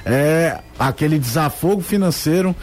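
Comentarista de futebol, voz um pouco aguda. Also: male voice, on the high side, moderate pace, darkish tone. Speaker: sports commentator. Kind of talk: conversational radio football analysis.

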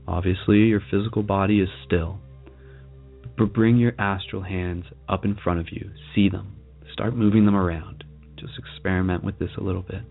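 Male meditation guide: low, gravelly voice, soft and soothing, leaving long pauses, over music. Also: phone-quality sound. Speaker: meditation guide, show host.

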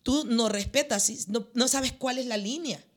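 A woman pastor and prophet, telling her story in a lively way and acting out dialogue in a faith talk. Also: fairly high pitch, moderate pace.

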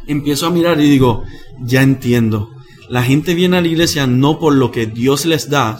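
Guy, pastor telling a mission story, gets dramatic and slow on the quotes. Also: medium pitch. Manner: dramatic retelling, slows down for quoted lines. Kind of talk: animated personal storytelling.

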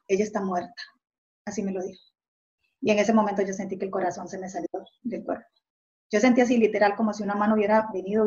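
A woman's voice: mid-range voice, darkish tone. A middle-aged woman telling her story earnestly, often ending phrases with a tag question. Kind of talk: personal testimony. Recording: dull lo-fi sound.

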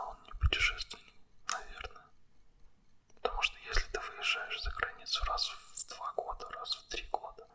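A man speaking an ASMR monologue straight to the listener in a breathy, unvoiced whisper, right in the ear and close to the mic, with blunt wording. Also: fairly bright tone. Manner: blunt, coarse language.

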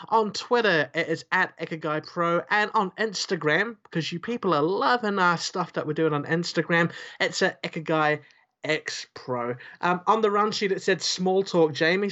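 A man's voice: a little high, bright, forceful tone. Rambling podcast host man, lo-fi sound. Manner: rambling, filler-heavy, joking. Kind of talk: casual podcast chat.

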